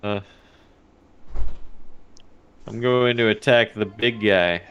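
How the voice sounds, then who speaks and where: A man's voice: fairly low pitch, slow, fairly bright tone, clear, resonant tone, dull audio. A man playing a warrior in a tabletop game, joking crudely with friends. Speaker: player. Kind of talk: casual tabletop game chat.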